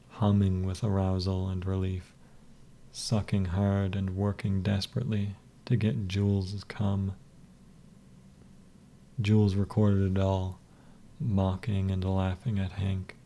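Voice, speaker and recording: Slow, dark-voiced male storyteller. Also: low-pitched, slight background noise. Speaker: narrator. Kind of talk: scripted story narration.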